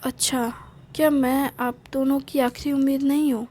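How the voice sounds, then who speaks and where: A woman's voice: high-pitched, flat delivery, normal speed, darkish tone, natural voice. A woman voicing an easygoing grown son who coaxes and teases his mother. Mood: coaxing.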